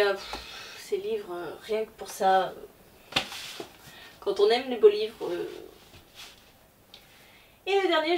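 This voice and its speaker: Chatty woman book vlogger, distant mic. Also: on the high side. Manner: chatty, hesitant, many fillers. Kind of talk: casual book haul vlog. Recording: distant mic, faint background noise.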